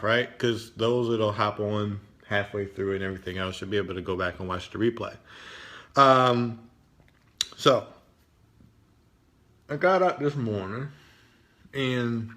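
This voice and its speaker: A man's voice: lowish voice, a bit bright. A man hosting a live stream in a casual, conversational way, still in his morning voice and often checking in with listeners with "right?".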